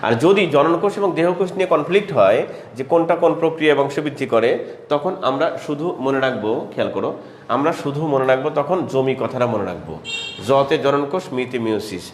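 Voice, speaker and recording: A man teaching an exam-prep lecture, asking questions and answering them himself and repeating key terms slowly. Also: on the high side, expressive, slight background noise. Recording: echoey room with faint ambience.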